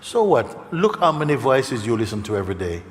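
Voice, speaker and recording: A spiritual teacher gives a conversational talk to a live audience, his medium-pitched voice brisk and full of big pitch swings. He often checks in with "okay?" and sometimes imitates other people's voices. The recording has a long hall reverb and faint background noise.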